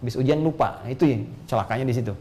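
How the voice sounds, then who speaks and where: A male Islamic preacher giving a religious lecture, animated and full of rhetorical questions and joking asides. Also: medium pitch, very fast.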